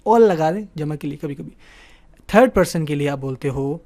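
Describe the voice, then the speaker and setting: Man teaching grammar with a higher voice. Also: animated, darkish tone. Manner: explanatory, asks "ٹھیک ہے نا" often; mixes English words into the talk. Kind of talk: online grammar lesson.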